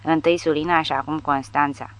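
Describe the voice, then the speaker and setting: A woman's voice: deep voice, steady tone, dry recording, natural voice. A woman voicing a rowdy male soldier who mocks and threatens. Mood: mocking. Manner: sneering, threatening.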